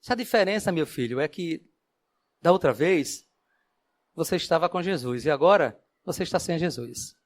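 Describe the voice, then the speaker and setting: A wise mother donkey in a told fable, as a man puts her on. She questions her son gently and patiently, her voice still moving with lively rises and falls. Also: a little high, normal speed, close to an everyday voice.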